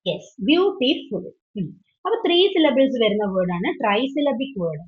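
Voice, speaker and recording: A woman's voice: on the high side, sing-song, fairly quick. A woman teaching an online English grammar class, patient and questioning, often switching into English as she explains. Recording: dull lo-fi online call audio.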